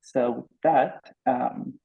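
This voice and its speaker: Gravelly male facilitator. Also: mid-range voice, steady tone, drawn-out words, phone-quality sound. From Nepal. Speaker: course facilitator. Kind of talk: casual video-call hosting. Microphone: video call.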